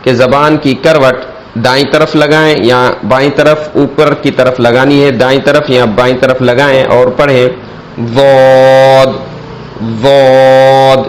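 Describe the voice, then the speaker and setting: A man's voice: medium pitch, fairly even intonation, a little hiss or hum, poor audio. A man teaching an alphabet reading lesson, explaining each letter and stretching the sounds out carefully. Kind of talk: slow instructional alphabet lesson.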